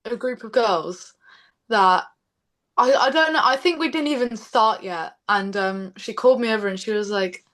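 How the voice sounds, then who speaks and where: Giggly young woman, high voice. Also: normal speed, a bit bright. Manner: giggly, chatty. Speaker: musician. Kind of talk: casual interview.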